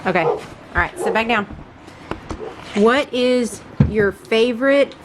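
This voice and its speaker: A woman, a mother hosting a casual family question round, prompting her children with brisk questions and short encouraging replies. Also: fairly high pitch, very noisy. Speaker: mother and channel host interviewing her children.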